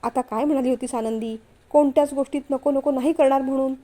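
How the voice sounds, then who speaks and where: A woman reads out a young husband who teases and coaxes his shy wife. The voice stays high and mellow, with an easy storybook tone. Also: fairly even intonation, fast talker. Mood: coaxing. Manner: teasing, coaxing. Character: affectionate playful young husband. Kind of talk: storytelling read-aloud.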